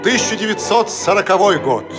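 This radio-play narrator is a man with a high-pitched voice, sounding like a solemn announcer. He reads a script declaratively and at a brisk, animated clip while loud music plays underneath.

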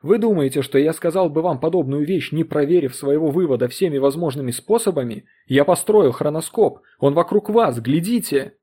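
A man's voice: mid-range voice, moderate pace, mellow, breathy edge, close to an everyday voice. A man voicing an intense young physicist in an audiobook reading, urgent and insistent. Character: intense young male physicist, obsessed inventor.

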